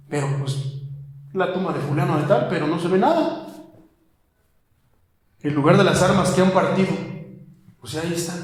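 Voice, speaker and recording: A man preaching an expository sermon in a church, reading Bible verses slowly and then explaining them in a conversational way. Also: high voice. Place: church sanctuary. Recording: very echoey church hall.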